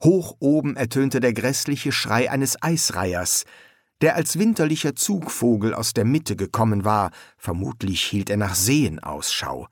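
A man's voice: medium pitch, very animated, unhurried, no echo. A man reading an audiobook with a dry, ironic storytelling manner. His voice moves up and down a lot. The sound is dry and close. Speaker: audiobook narrator. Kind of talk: scripted narration.

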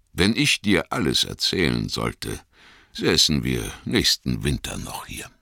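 A man voicing an ancient male wizard, grave and wise, speaking slowly and solemnly in an audiobook reading. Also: very deep voice, sharp tone, dry recording, clean studio sound, exaggerated voice. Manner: slow, solemn storytelling.

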